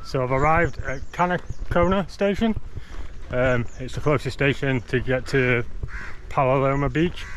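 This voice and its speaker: A man's voice: medium pitch, unhurried, background noise. A man in his thirties vlogging while travelling, chatty and upbeat, speaking to an action camera at arm's length. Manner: chatty, upbeat, laughs often. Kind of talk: casual vlog to camera. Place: outdoors on streets, station and beach. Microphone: action camera held at arm's length.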